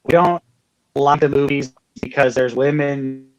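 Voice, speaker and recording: A man's voice: medium pitch, steady tone, unhurried, rough recording. A man co-hosting a casual livestream, talking earnestly with emphatic repeats and fillers. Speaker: co-host.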